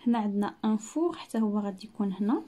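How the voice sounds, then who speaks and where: A woman teacher with a Moroccan Arabic accent, explaining exercises patiently, repeating words and sounding out French syllables slowly. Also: medium pitch, animated, dark tone. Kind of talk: classroom-style lesson narration.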